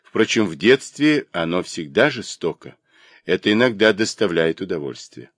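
A reserved young gentleman of quiet earnestness, read by a man. He answers calmly and sincerely in a low voice that still moves with lively pitch. The recording is dry and close. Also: no room sound. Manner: calm, sincere, measured.

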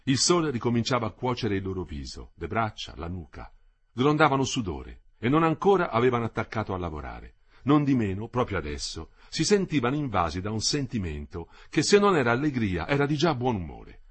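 A man reading a literary novel aloud, with a measured and expressive delivery. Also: medium pitch, husky. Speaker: audiobook narrator.

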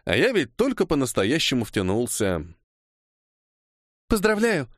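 A man reading a first-person novel aloud as audiobook narration, in an expressive manner. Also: medium pitch, moderate pace, dry recording, clean studio sound.

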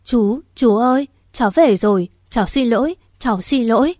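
A woman's voice: fairly high pitch, animated, moderate pace, darkish tone, dry recording, studio quality. A woman voicing a sobbing young heroine. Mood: tearful, pleading. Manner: sobbing, pleading questions. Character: grieving young woman pleading with her uncle.

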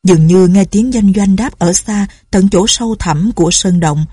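A woman narrating a martial arts novel as an audiobook, in an even, measured reading. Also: medium pitch, slightly rough, no room sound, clean studio sound.

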